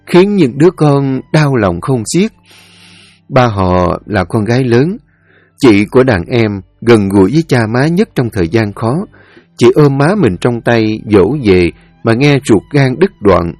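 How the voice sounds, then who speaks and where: A man reading a story in a solemn, expressive way. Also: medium pitch, a little slow, no room sound, faint music behind. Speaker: narrator. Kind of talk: scripted story narration.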